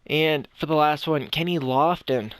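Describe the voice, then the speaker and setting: A young man with a smooth, clear voice, sitting a little higher than most men's, chats his way through a video game for his channel. He rambles and restarts his sentences, slightly out of breath, recorded close and dry with no room sound. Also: unhurried, no echo. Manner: rambling, with frequent restarts and self-corrections. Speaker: gaming YouTuber. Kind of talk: casual game commentary.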